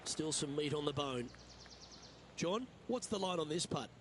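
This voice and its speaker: A man's voice: on the high side, animated, a little slow, background noise. A man working as lead golf commentator, calling play live in short phrases.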